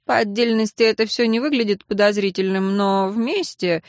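A woman reading an audiobook and voicing a methodical male investigator who lays out his reasoning calmly. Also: medium pitch, moderate pace, no echo, studio quality, lightly acted. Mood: explaining. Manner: calm, reasoning, explanatory.

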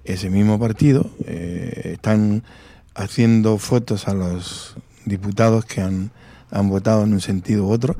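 Spanish-accented male radio host, low mellow voice, earnest and measured, dry studio sound. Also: no echo. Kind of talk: radio conversation.

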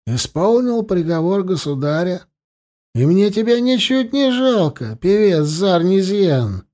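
A stern, icy priest and torturer, voiced by a man, self-righteous to the core. His voice sits slightly raised and crisp in its coldness. He speaks slowly and deliberately, as in an audiobook. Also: high-pitched, very animated, dark tone, voice pushed up. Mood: cold, contemptuous. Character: stern, cold-hearted male priest and torturer. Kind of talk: audiobook character voice.

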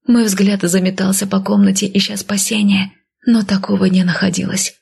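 Woman whispering a story, breathy and gravelly. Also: mid-range voice, level tone, moderate pace. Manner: soft breathy whisper throughout. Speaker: narrator. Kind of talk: whispered role-play.

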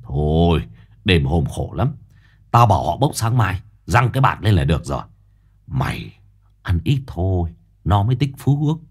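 A greedy old fortune-teller in a spoken ghost story, dropping his voice low and talking in a smug, gruff manner. He, performed by a man narrating the tale. His pitch swings from growl to pleading. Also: very animated, normal speed, full character voice. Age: older.

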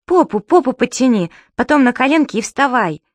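A woman reading as a cheeky, boyish little magical creature from a storybook, high-pitched, loud and bouncy. It shouts and bosses people around, and the sound is close and dry. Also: moderate pace, dry recording, close to an everyday voice. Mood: bossy.

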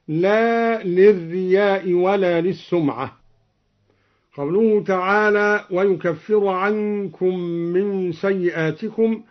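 Man, high-pitched, unhurried scholarly explainer of recitation variants; muffled lo-fi archival radio sound. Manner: measured, deliberate, scholarly. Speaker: Quran recitation teacher. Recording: dull lo-fi archival radio recording.

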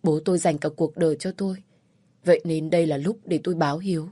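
A woman reading a first-person story aloud in a slow, sorrowful way. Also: sits low, steady tone, dark tone, no room sound. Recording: dry close voice over faint music.

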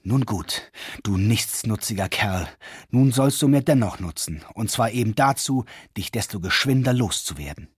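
A man voicing a frightened young merchant who pleads anxiously, with a husky voice, in a fairy-tale reading. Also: fairly low pitch, lively intonation, moderate pace, no echo, studio quality. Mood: defiant.

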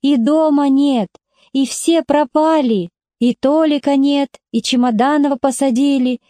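A woman reading aloud and voicing a grieving woman who speaks slowly and forlornly. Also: high-pitched, mellow, no room sound, clean studio sound, voice pushed up. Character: grieving woman Zina, lost and despairing.

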